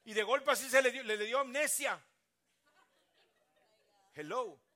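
A man's voice: very high voice, measured pace, sharp tone. An older man preaching a sermon as a pastor, acting out churchgoers in voices as he talks.

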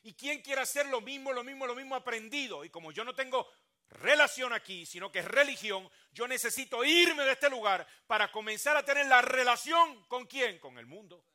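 A man's voice: very high voice, expressive, normal speed, bright, forceful tone. An older man preaching a sermon as a pastor, acting out churchgoers in voices as he talks.

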